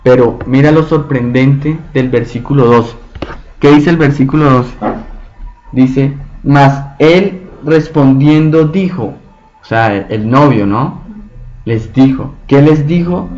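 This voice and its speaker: A man's voice: mid-range voice, a little mellow, soft background music. A man teaching a Bible study, often checking in with his listeners through rhetorical questions. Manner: slow, asks the group frequent rhetorical questions. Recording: dull lo-fi recording.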